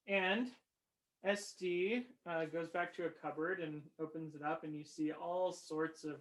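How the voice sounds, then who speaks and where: Slow, halting tabletop game master. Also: mid-range voice, rough recording. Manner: slow, halting, many ums and laughs.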